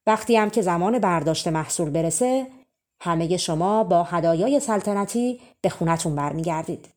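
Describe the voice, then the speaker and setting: A woman's voice: lowish voice, expressive, a little mellow, natural voice. A woman voicing a stern storybook king. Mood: gracious. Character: stern commanding male king.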